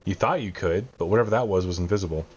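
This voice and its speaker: A man running a tabletop game as game master, narrating in a calm, descriptive way. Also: sits low, fast, lo-fi sound, slight background noise.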